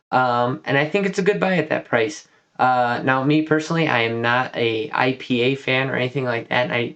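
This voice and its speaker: A man's voice: mid-range voice, a bit bright. A man hosting a casual whiskey review, talking in a loose, folksy, rambling way. He sounds a little tipsy, and he is short of breath from a lingering cold. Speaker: whiskey reviewer, channel host. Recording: dull lo-fi recording.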